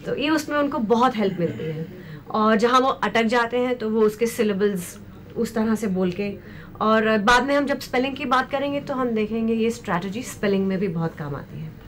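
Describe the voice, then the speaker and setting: A woman teaching as a special education expert, speaking in a slow, deliberate way and mixing Hindi with English. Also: fairly high pitch, expressive, a little hiss or hum. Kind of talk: explanatory lecture discussion.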